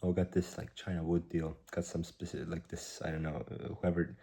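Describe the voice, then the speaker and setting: Slightly ill with a cough, a startup founder in his twenties rambles through a hushed video diary. His low, husky voice is completely flat in delivery, and he speaks haltingly, self-correcting while keeping his voice down.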